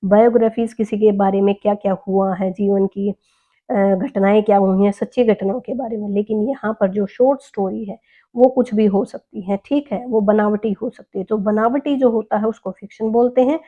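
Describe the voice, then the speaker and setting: A woman tutor working through an exam paper, reading each English question slowly, then asking and answering her own questions step by step. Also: medium pitch, steady tone, narrow, tinny audio. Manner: reads English questions slowly, explains in Hindi. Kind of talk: exam paper walkthrough lesson.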